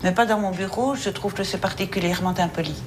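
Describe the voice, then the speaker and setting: A woman's voice: mid-range voice, fast talker, very noisy. A woman judge sternly questioning a defendant in her office. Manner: stern, pointed, interrogating. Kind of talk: courtroom questioning.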